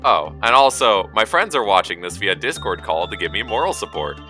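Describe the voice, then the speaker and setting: A man's voice: lowish voice, very animated, fairly quick, pushed and bright, soft background music. A man narrating a gameplay video in a scripted way, with wry, self-deprecating humor. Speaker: gaming video creator.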